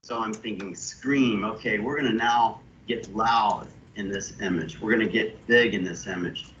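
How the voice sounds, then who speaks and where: A man on a video call, an illustrator thoughtfully explaining his artwork with halting restarts. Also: lowish voice. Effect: heard over a video call. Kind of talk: walking through his artwork. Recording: muffled video call audio with faint hiss.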